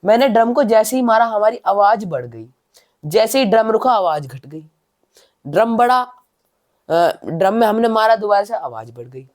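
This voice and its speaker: A male tutor giving a science lesson. He asks rhetorical questions and then answers them, repeats phrases, reads English definitions slowly word by word, and lets his voice fall quietly at the ends of sentences. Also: sits high, lively intonation. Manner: demonstrates by speaking louder and softer.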